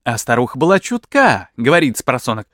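A man reading bawdy folk tales aloud in a lively, wry storytelling manner. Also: medium pitch, fairly quick, no room sound, studio quality. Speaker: narrator.

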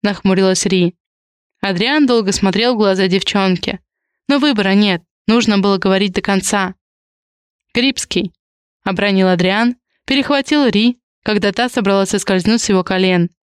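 A woman narrating a romance novel as an audiobook in an even, measured reading. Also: mid-range voice, smooth, dry recording, clean studio sound.

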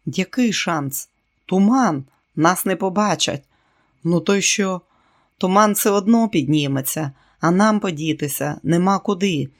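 A man's voice: high voice, unhurried. A male audiobook reader voicing a worried young man who protests against a risky escape.

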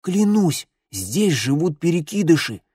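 Eager village boy in a storybook, high and jumpy, spinning a spooky tale, voiced by a man, dry close sound. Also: sing-song, a little slow, darkish tone, husky, no echo, exaggerated voice. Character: excitable young village boy telling a rumor.

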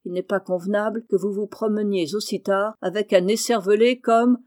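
A woman reading an audiobook voices a gruff, sharp-tongued elderly aunt who talks in a scolding, curt way. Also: mid-range voice, fairly even intonation, normal speed, natural voice. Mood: exasperated.

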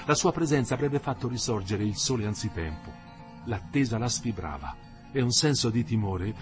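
A man narrating a novel aloud in a steady literary reading, voicing the dialogue as he goes. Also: lowish voice.

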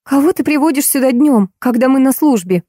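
A woman playing a hot-tempered young wife who scolds in a raised, shrill voice. The sound is mellow and dry, recorded close to the mic for a storybook. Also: animated, brisk, no room sound. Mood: angry. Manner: high, loud and scolding.

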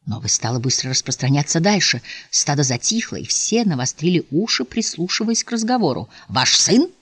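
A woman reading a children's story aloud as an audiobook narrator, in an expressive, lively way. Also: low-pitched, a little fast, husky, dry recording. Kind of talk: scripted narration.

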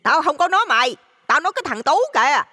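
A man voicing a shrill, brawling middle-aged mother who shouts insults, with a Southern Vietnamese accent. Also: sing-song, fast talker, big-room sound, heavily acted. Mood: accusing.

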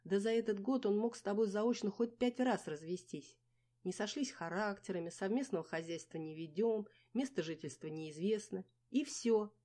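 A woman's voice: medium pitch, normal speed, dark tone, pitched above the performer's own voice, lightly acted. A woman reading an audiobook voices a blunt young female best friend who scolds and insists. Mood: bossy.

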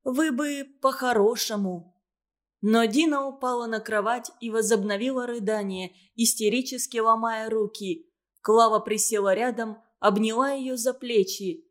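A woman narrating a novel in a steady, expressive storytelling manner. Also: a little high, moderate pace. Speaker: audiobook narrator.

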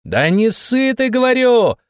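A man's voice: high-pitched, lively intonation, moderate pace, no room sound, studio quality, voice pushed up. A man voicing a cocky young female shaman who drives recklessly, teasing and bold. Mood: brash.

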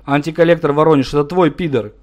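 A man hurls crude insults and mockery at someone on a phone call he is streaming. His voice sits a little high for a man. He keeps taunting, swearing in almost every phrase. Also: steady tone, fast talker, heavy background noise. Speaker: prank caller and streamer.

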